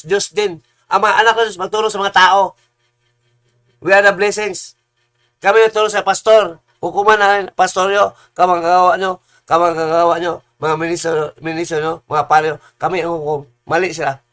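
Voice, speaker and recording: Heated male preacher, high-pitched, combative and repetitive, swings into shouting. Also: flat delivery, a little fast.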